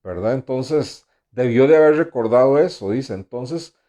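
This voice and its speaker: A man's voice: mid-range voice, lively intonation, moderate pace, mellow. Man preaching a sermon. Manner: tags questions with "¿verdad?" and addresses listeners as brothers; reads scripture aloud and comments between verses. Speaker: pastor.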